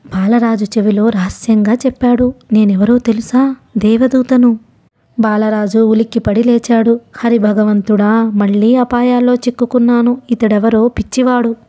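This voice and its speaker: Woman storyteller, higher voice, mellow, measured and expressive storybook reading. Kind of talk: scripted story narration.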